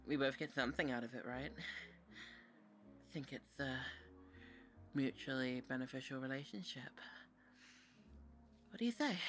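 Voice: medium pitch, fairly bright tone. Someone putting on a bratty, bossy brat. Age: young adult. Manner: snippy and impatient, ordering around. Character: bratty, demanding, bossy young adult. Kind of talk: adult audio roleplay.

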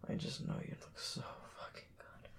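A man performing an intimate audio roleplay, talking in soft whispers with drawn-out murmurs and sighs.

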